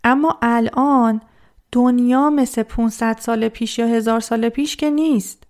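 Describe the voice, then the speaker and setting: Calm woman giving self-help advice. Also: fairly high pitch. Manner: calm, addresses the listener directly with questions. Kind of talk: reflective psychology talk.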